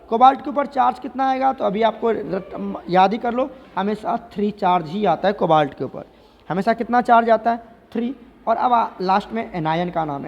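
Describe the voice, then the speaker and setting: Gravelly male teacher in a reverberant hall. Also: sits high. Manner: asks students questions and answers them himself; repeats key terms. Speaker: chemistry teacher. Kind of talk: explanatory lesson. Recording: dull audio with long hall reverb.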